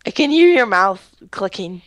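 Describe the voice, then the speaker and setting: A man's voice: high-pitched, very animated, normal speed, a bit bright, highs cut off, a little hiss or hum. A teenage boy playing a game over a voice call who swears and yelps when he loses. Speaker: gamer friend. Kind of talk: casual chat over voice call.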